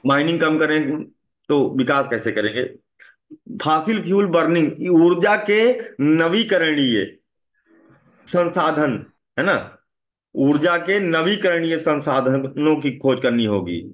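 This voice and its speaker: A man's voice: a little high, expressive, slow, dull audio. A man teaching a classroom lecture, often asking students questions and repeating a tag after his points. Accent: Hindi.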